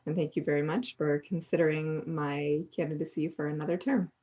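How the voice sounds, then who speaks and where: A woman who teaches law, giving a fluent, measured statement as a board nominee. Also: sits low, steady tone, lo-fi sound. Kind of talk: prepared candidate statement.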